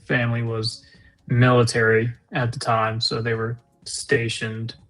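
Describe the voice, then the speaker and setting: A man co-hosting a trading stream, explaining chart levels in a measured, matter-of-fact way. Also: mid-range voice, completely flat delivery, fairly bright tone, soft background music, poor audio. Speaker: trading co-host. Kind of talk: casual market commentary.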